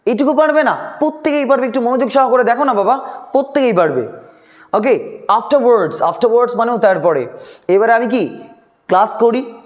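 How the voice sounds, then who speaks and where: A man teaching spoken English, dragging out model sentences slowly and coaxing students with questions. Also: very high voice, lively intonation.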